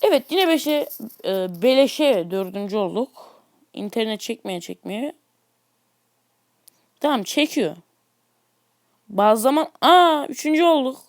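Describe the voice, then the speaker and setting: A man giving casual, excitable commentary on a mobile game, grumbling at the game and chatting to his viewers. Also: very high-pitched, slow, pauses often, no room sound, studio quality. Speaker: gaming YouTuber.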